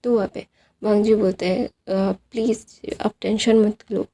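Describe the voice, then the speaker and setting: Retelling a fan story in a casual way, a woman speaks at a measured pace in a mellow, mid-range voice with fairly even intonation. She voices each character's quoted lines herself, adds fillers, and slips in English phrases.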